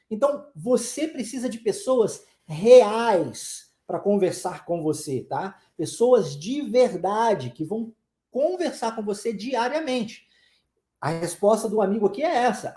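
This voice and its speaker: A woman's voice: on the high side, dark tone. Chatty woman teaching English, echoey room. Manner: chatty, laughs often, checks in with "ok?" and "tá?". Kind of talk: live online language lesson.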